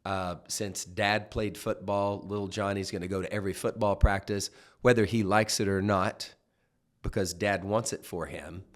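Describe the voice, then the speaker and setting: A man hosting a podcast interview, listening attentively with frequent affirmations, then framing a measured question. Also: low voice, steady tone. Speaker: podcast host. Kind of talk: interview conversation.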